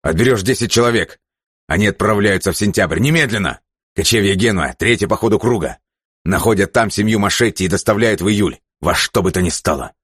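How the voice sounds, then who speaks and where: A man's voice: lowish voice, fairly quick, slightly rough, no echo, clean studio sound, voice pushed up. A male audiobook narrator voicing a ruthless male commander who barks orders in a rage. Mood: furious. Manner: barking orders, shouting in rage.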